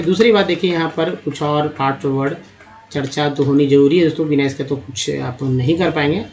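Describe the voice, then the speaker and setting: In a spoken phonics lesson, a man teaches how to read English, spelling out letters, sounding out words, and calling his viewers friends. His voice is fairly high with a darkish tone, captured in a dull lo-fi recording.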